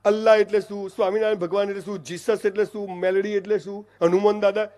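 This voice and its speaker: This motivational speaker, a middle-aged Gujarati-accented man, addresses his audience with emphatic energy, often saying "saheb" and "boss." He speaks quickly in a high, slightly mellow voice that barely moves in pitch.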